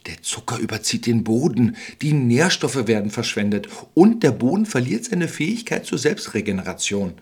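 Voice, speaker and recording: Calm, wise storybook eco-sage, teacherly and husky, read by a man. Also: mid-range voice, moderate pace, few pauses. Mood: lecturing. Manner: soothing, lecturing. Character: calm wise male forest environmental expert.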